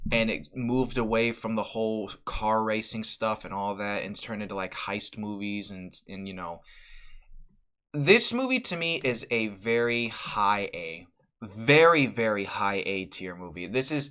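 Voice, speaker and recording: A man's voice: fairly low pitch, sharp tone. A man hosting a casual vlog where he ranks movies, talking in a rambling way with frequent restarts and repeated words while giving candid opinions. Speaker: channel host.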